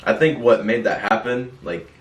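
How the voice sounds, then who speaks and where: A young man on a casual chat, his speech slightly impeded by braces, halting and repetitive with lots of filler. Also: mid-range voice. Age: young adult. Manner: halting, repetitive, peppered with 'like'. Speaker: podcast guest. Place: small bare room, indoors at a table. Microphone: distant camera or room mic. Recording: roomy echo, distant mic, background noise.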